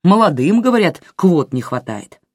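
A reader doing a gruff bitter old man. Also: medium pitch, very animated, normal speed, dry recording, clean studio sound, pitched above the performer's own voice. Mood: grumbling. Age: older. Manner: gruff, grumbling. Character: bitter elderly man, grumpy stepfather.

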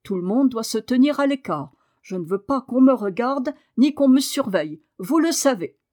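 A woman's voice: fairly high pitch, lively intonation, normal speed, darkish tone, voice pushed up, close to an everyday voice. A woman voicing a sickly, headstrong young boy in an audiobook, petulant and insistent. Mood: stubborn. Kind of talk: audiobook reading.

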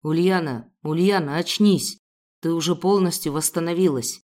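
A commanding male ruler from a fantasy audiobook, as a woman narrator puts him on. He speaks lower than the narrator's own voice, stern and insistent but caring underneath. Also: moderate pace, a little mellow, lightly acted. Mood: coaxing. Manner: insistent, urgent calling.

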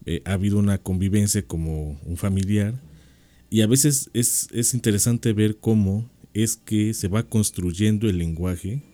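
A man with a Mexican accent co-hosting a radio discussion, reflective and pausing often with "eh" and restarts. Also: on the low side, dark tone. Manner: reflective, with frequent "eh" pauses and restarts. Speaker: radio show co-host. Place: radio studio.

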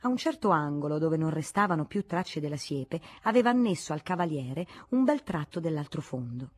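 A woman narrating a classic novel as an audiobook in a measured, expressive reading. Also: deep voice. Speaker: audiobook reader.

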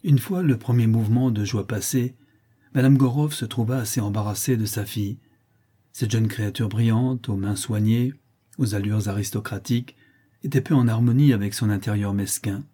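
With a husky voice on the low side, this man narrates a classic novel as an audiobook. He keeps the scripted literary storytelling measured and even.

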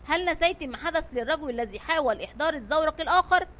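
A woman's voice: high-pitched, expressive, very fast, fairly bright tone. A woman voicing a brave male sailor captain, leading his men with commanding calls. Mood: grave.

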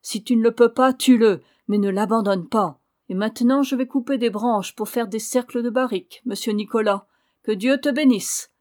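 A woman voicing a strange young albino man who speaks softly and sadly. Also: a little high, normal speed, natural voice. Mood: soft warning. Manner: soft, sad, knowing.

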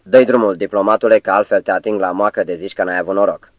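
A man voicing a stocky, gruff prisoner who talks in a bossy, threatening way. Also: low voice, steady tone, dry recording, muffled recording, natural voice. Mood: commanding.

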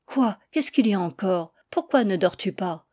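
A woman's voice: mid-range voice, animated, normal speed, dark tone, dry recording, studio quality, natural voice. A woman voicing a stern, worried peasant mother who scolds her family and prays for the drowned.

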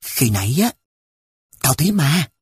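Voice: medium pitch, sing-song, measured pace, slightly rough, no room sound, clean studio sound, heavily acted. A reader doing a bluffing young boy. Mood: conspiratorial. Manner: conspiratorial, defensive. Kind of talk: audiobook character voice.

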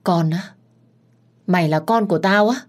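A woman's voice: on the low side, normal speed, natural voice. A woman voicing a confused older woman who babbles and laughs wildly. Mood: deranged. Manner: babbling, cackling.

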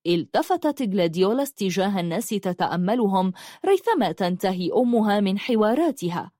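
A woman narrating a storybook in an expressive, descriptive way. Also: mid-range voice, no room sound, clean studio sound.

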